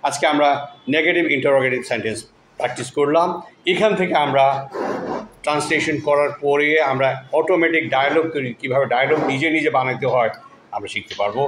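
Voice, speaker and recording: A man's voice: medium pitch, fairly bright tone. A man, teaching a class of children and drilling them, praising and prompting their answers. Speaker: English teacher. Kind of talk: classroom lesson drilling students. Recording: echoey room with faint ambient noise.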